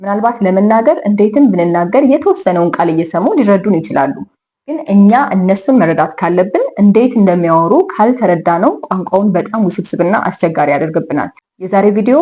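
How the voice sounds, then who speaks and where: A woman's voice: medium pitch, dark tone. A woman whose first language is Amharic, teaching English contractions, repeating each example sentence twice and switching into Amharic explanations.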